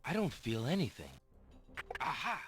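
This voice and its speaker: A man's voice: a little high, huge pitch swings, moderate pace, a bit bright, soft background music. A man acting an earnest, brave young prince in a video game, speaking courteously. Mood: curious.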